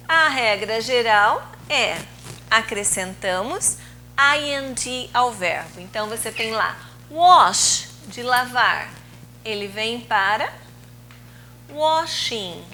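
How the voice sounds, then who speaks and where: A woman teaching English in a recorded video lesson, explaining rules slowly and patiently, drawing out key words, with Portuguese as her first language. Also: fairly high pitch, bright, forceful tone, a little hiss or hum, poor audio.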